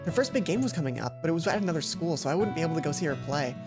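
Game music plays as a young adult woman, hosting a let's play from her computer in an indoor room, reads a visual novel into her headset. She talks in a low-pitched, animated voice and fires the words off rapidly.

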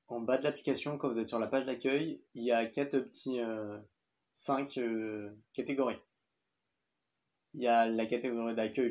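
Young man, tech review vlog, casual, chatty, mid pitch, loose delivery. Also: a little mellow. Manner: chatty, loose, with fillers and mild swearing.

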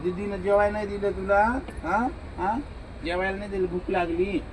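A man's voice: high-pitched, little pitch movement, moderate pace, noisy background. A man vlogging casually outdoors in a village yard, chatting to viewers and coaxing his animals. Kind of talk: casual village vlog chat.

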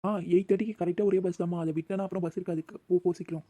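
A woman's voice: on the low side, fairly even intonation, very fast, mellow, no echo, lightly acted. A woman voicing a friendly older neighbour woman who chats and encourages in a cartoon. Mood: encouraging. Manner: encouraging, chatty.

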